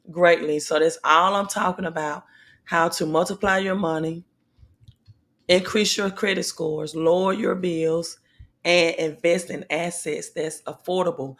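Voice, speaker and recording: A woman with a lowish, slightly raspy voice hosts a casual livestream about money news. She speaks haltingly, with many pauses and fillers, and calls out directly to her viewers.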